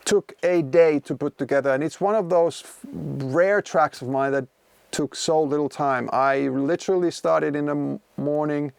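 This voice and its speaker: Streaming from his music studio, a Finnish man in his forties answers viewers in English, his second language, with a Finnish accent, rambling casually with many fillers. His voice is a little high with vocal fry, at normal speed, clean and without room sound.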